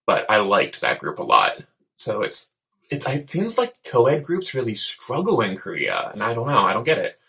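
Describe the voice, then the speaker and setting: A man's voice: medium pitch, huge pitch swings, normal speed, gravelly, sharp tone. A man giving casual reaction commentary as a host, talking in an effusive, campy, slangy way. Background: music videos playing.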